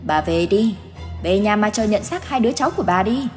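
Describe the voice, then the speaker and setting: A woman's voice: mid-range voice, expressive, fairly quick, soft background music, lightly acted. A woman voicing the vengeful ghost of a grown daughter, cold and scornful, in a told ghost story.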